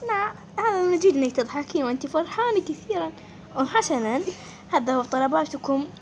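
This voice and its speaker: A woman's voice: high-pitched, lively intonation, fast talker, slight background noise. A woman voicing family characters in a playful dollhouse game role-play.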